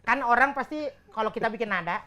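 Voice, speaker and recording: A man's voice: extremely high pitch, fast, pushed and bright. A young man guesting on a comedy chat show, talking playfully and chanting little melodies.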